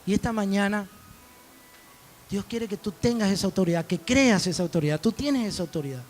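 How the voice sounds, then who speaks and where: A man's voice: sits high, fairly quick. A man preaching a sermon as pastor, telling stories and acting out dialogue. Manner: storytelling preacher, quoting dialogue.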